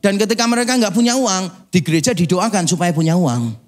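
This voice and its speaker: High-pitched animated male preacher. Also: brisk. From Indonesia. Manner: animated storytelling with humor and mimicry. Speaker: pastor. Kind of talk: sermon. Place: church.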